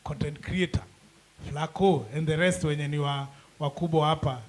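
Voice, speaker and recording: Kenyan man, chatty panelist, high and light voice, jokes and slips into slang. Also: fairly even intonation, moderate pace. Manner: chatty, joking, mixes English with Swahili slang. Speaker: forum panelist. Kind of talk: casual panel talk.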